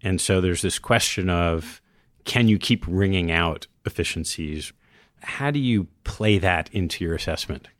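A man's voice: deep voice, measured pace, dry recording, studio quality. A man interviewing a guest about finance, putting considered, analytical questions.

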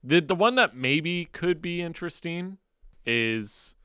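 Bright-voiced man chatting about sports. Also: a little high, expressive, a little slow, smooth, no room sound, clean studio sound. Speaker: sports radio co-host. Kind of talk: casual sports talk.

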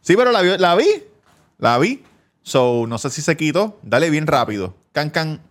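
A man with a Puerto Rican Spanish accent co-hosting a podcast from a barbershop, joking loudly and teasing his friends in crude casual chat. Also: a little high, big pitch swings, normal speed. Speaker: podcast co-host.

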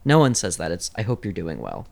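A man's voice: deep voice, huge pitch swings, a little fast, gravelly, a little mellow, dry recording. A man talking casually as a podcast guest, hesitant and full of "like" fillers. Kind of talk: casual chat.

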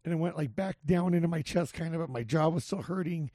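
A man hosting a casual podcast with a gravelly, hoarse, raspy voice and a halting, sweary way of talking. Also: a little high, warm tone, no echo, studio quality. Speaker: podcast host.

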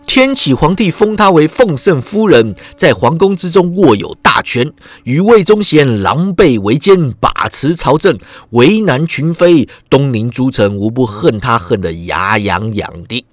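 A man's voice: medium pitch, big pitch swings, measured pace, dry recording, faint music behind. A man narrating a wuxia story in a vivid, dramatic storyteller's manner.

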